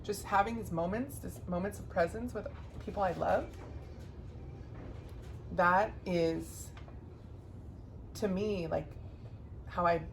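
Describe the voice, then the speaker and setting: Podcast host, woman, low-pitched, earnest casual talker who swears freely and gets animated; faint background hiss. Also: slow pace, gravelly, long pauses, poor audio.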